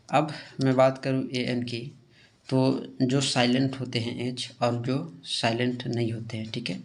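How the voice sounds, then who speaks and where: A man's voice: mid-range voice, vocal fry. A male teacher explaining grammar step by step in a classroom lesson, asking questions and answering them himself. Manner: explains step by step with frequent "theek hai" check-ins.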